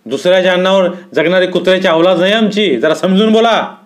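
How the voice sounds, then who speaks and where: A proud young wrestler, bold and defiant, speaking firmly and pointedly in a loud, higher voice, as a man acts him out in a storybook reading. He does not back down. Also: quick pace, close to an everyday voice. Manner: firm, confronting, pointed.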